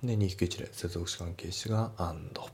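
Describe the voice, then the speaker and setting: Low gravelly man explaining English grammar. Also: fairly even intonation, slight background noise. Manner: breaks sentences into parts, reads English lines slowly. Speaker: English teacher.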